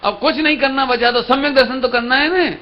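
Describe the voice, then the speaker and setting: A man's voice: extremely high pitch, brisk. A man preaching a Jain sermon, telling a story and acting out the characters' lines, asking his listeners questions. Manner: storytelling, acts out characters' dialogue, asks the audience questions. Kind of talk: sermon with acted story voices. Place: lecture hall at a religious camp. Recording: dull live stream audio with faint hiss.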